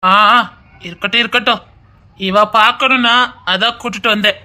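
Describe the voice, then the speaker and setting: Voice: medium pitch, fairly even intonation, moderate pace, bright, forceful tone. An actor playing a cold, resentful older brother with a Tirunelveli Tamil accent, speaking curtly and bitterly. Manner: curt, bitter.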